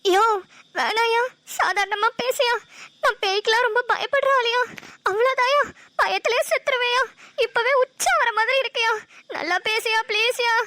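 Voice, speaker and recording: A woman voicing a jumpy young cartoon wife who scares easily and pleads in a whiny, excitable way. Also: very high voice, normal speed, slight background noise. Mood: scared. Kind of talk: cartoon voice dubbing.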